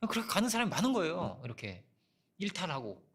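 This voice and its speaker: Middle-aged guy pastor preaching casual, gravelly voice, pitch jumps all over, tells stories. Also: wildly swooping pitch, fast talker, a bit bright. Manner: conversational preaching with frequent rhetorical "어?"; storytelling with personal anecdotes. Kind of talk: sermon.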